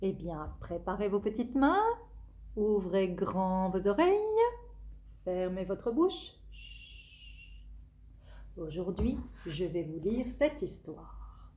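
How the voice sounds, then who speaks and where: A woman reading a picture book aloud to small children in a sing-song, expressive way, addressing them directly and stressing words dramatically. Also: medium pitch. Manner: expressive, slow dramatic emphasis. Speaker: storyteller for young children. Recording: echoey room.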